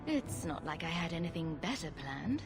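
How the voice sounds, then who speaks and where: A woman's voice: sits low, big pitch swings, normal speed. An actress playing a wry, sardonic female adventurer hero in a video game. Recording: game audio with long reverb and music.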